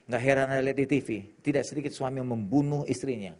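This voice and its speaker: A man's voice: mid-range voice, fairly even intonation, fast, a little mellow. A man preaching a sermon as pastor, joking and teasing the congregation, talking back to their calls and acting out quarreling spouses. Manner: acts out quarreling spouses in put-on voices; talks with the audience, answering their calls.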